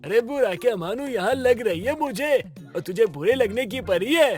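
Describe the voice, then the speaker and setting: Blustering cartoon thug, very high. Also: male voice, animated, moderate pace, darkish tone, soft background music. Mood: whining. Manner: blustering threats turning to whiny pleading. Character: bumbling middle-aged male thug, bullying but cowardly. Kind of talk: cartoon voice acting.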